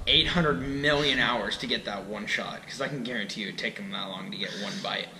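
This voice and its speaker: A man's voice: fairly low pitch, a little fast, roomy sound, loud music behind the voice, poor audio. A young man co-hosting a casual reaction video, making dry jokes about an infomercial. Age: young adult. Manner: dry joking. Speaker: co-host.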